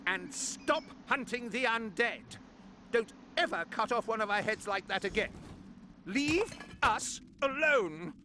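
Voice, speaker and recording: An actor voicing a vengeful, theatrically menacing undead zombie in a video game, taunting and threatening in drawn-out phrases. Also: medium pitch, animated, bright, forceful tone, slight background noise. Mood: commanding. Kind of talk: video game character acting. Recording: music behind the voice.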